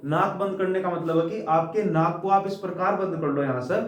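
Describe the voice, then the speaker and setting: Echoey far-off Hindi teacher, high voice. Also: male voice, moderate pace. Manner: explains step by step, asks and answers his own questions, repeats key points; addresses listeners as children. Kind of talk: classroom-style lesson at a board. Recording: echoey room, voice from a distance.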